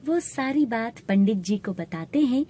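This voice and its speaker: Woman, storyteller, scripted narration, steady, mellow, slightly high. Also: unhurried.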